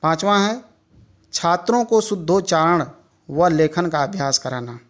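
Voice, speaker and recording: A man giving a teacher-training lecture, reading points one by one in a measured way with pauses. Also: on the high side. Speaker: teacher educator. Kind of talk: slow lecture reading from notes.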